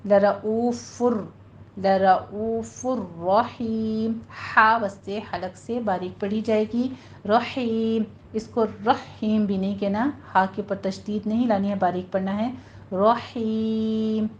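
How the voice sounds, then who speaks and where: A woman's voice: mid-range voice, fairly even intonation. Patient woman teaching Quran pronunciation. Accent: Pakistani Urdu. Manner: patient, explains each sound step by step, models recitation slowly. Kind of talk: recorded tajweed lesson. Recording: muffled lo-fi recording with faint hiss.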